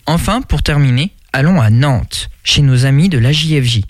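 Man, radio host, steady announcements, dry close sound. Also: medium pitch, normal speed, no room sound. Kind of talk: reading announcements.

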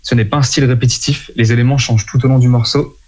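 A man presenting and explaining a music genre in French, in a clear explanatory way, with small slips he apologizes for. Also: mid-range voice, steady tone, fast, a little mellow.

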